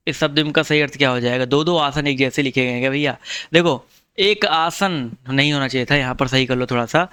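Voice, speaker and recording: A man's voice: mid-range voice, sharp tone, smooth, no echo, studio quality. A male teacher going through a Hindi exam test, explaining each answer step by step and checking with students as he goes. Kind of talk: online test walkthrough lesson.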